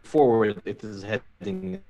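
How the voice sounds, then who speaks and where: A man speaking in a tabletop game over a video call while his internet connection cuts out, so his halting words fade and break off. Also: lowish voice, very animated, gravelly, dark tone, faint music behind. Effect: voice breaking up over a failing internet connection. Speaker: player.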